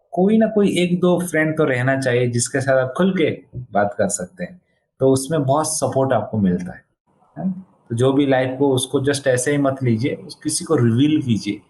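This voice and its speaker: A man's voice: mid-range voice, moderate pace, a little mellow. A man, a spiritual teacher, answering youth questions in a devotional talk, explaining through homely stories and mixing English phrases into his Hindi. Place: online session.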